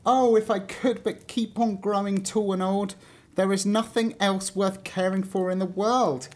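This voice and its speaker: A man's voice: high voice, steady tone, unhurried, darkish tone, pitched above the performer's own voice. A man voicing a small, discontented young fir tree that longs to grow tall. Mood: longing. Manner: wistful, longing.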